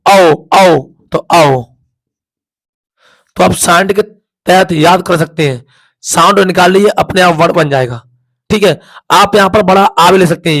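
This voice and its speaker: A man's voice: high-pitched, a bit bright. A man teaching a class, sounding out vowels again and again and asking questions that he then answers himself. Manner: repeats sounds aloud, asks and answers his own questions. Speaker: Hindi teacher. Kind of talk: classroom lesson at a board.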